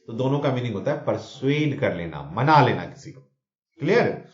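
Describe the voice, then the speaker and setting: A man's voice: mid-range voice, very animated, normal speed. A man teaching vocabulary in a mix of Hindi and English, repeating words and checking in with students. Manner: explains with mnemonics, repeats words, frequent "theek hai na?" checks. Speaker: exam coaching teacher. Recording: echoey room, dull lo-fi sound.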